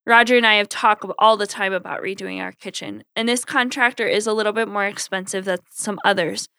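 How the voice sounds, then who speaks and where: A woman's voice: mid-range voice, brisk, gravelly, bright, forceful tone, clear, resonant tone, no echo, clean studio sound. A woman hosting a podcast, talking in a casual, conversational way to her listeners. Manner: conversational, voices imagined quotes. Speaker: podcast host. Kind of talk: casual solo podcast talk.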